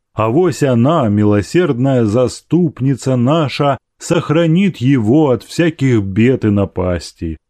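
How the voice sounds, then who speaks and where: A man reading an audiobook and voicing an anxious, tender old mother in a high, emotional voice. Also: mellow, no room sound. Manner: emotional, crying out.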